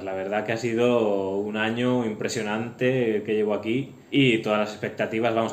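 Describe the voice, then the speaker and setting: A man's voice: fairly low pitch, reverberant. A man who teaches English, speaking with an Alicante Spanish accent in an upbeat way. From Spain.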